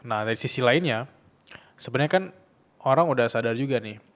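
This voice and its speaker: A young man in his twenties, co-hosting a podcast, reflects casually on his own experience. His mid-range voice is brisk with a fairly bright tone, and he speaks from personal experience.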